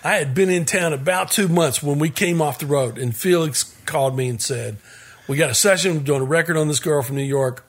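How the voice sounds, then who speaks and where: A man in his fifties, a guest musician, telling stories in a relaxed interview with frequent laughs and restarts. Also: fairly high pitch, a little fast. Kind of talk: casual interview storytelling.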